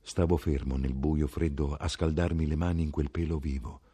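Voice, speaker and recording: A man giving a measured, expressive literary reading of a novel. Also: a bass voice, breathy edge. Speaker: audiobook reader. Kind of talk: scripted literary narration.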